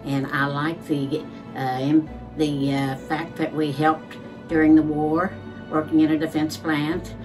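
A woman's voice: low-pitched, flat delivery, measured pace, far from the mic, over music. A woman in her nineties speaking proudly and a little hesitantly of her wartime work. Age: 90s. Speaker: interviewee, former expediter. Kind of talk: personal testimony.

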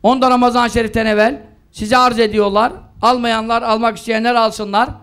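A man gives an earnest mosque talk through a pulpit microphone. His voice sits very high and carries clean and smooth. He exhorts the congregation and climbs higher when stressing a point. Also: little pitch movement, fairly quick, fairly bright tone. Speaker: preacher. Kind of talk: mosque talk with announcements and prayers.

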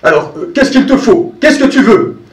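A man's voice: very high voice, animated, normal speed, voice pushed up. A man playing a fretful, protective old farmer who exclaims and stammers in alarm. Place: live performance room. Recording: roomy distant live recording, faint music.

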